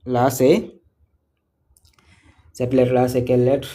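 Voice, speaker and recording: A man's voice: mid-range voice, completely flat delivery, takes it slowly, dark tone. A man teaching a live online reading lesson, patiently repeating syllables and words, asking students questions and praising their answers.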